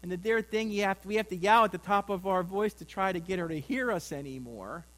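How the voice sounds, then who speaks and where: A man's voice: high-pitched, quick pace, fairly bright tone, poor audio. A middle-aged man preaching a sermon in a folksy, rambling way, with asides to his congregation. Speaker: pastor.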